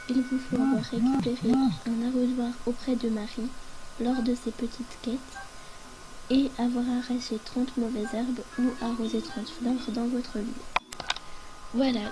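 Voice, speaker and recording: Slightly high, even-toned woman with a hoarse voice. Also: rough recording. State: hoarse from being sick. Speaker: video creator presenting a game guide. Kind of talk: tutorial voice-over. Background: background music.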